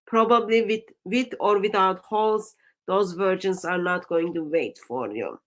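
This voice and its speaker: In a live discussion mixed with evangelistic exhortation, a woman hosts a religious show with a medium-pitched voice. She's a native Turkish speaker with a Turkish accent who talks in a deliberate, emphatic manner and relies on repeated phrases.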